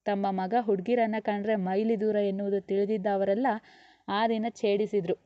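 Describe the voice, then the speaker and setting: A woman reading a serialized romance story aloud in a steady, expressive narration. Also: medium pitch, normal speed, no room sound, dull audio.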